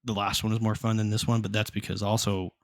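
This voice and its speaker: A man's voice: fairly low pitch, level tone, fast, dry recording, clean studio sound. A man co-hosting a podcast, chatting casually in a plain-spoken way with some swearing. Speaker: podcast co-host. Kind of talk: casual chat.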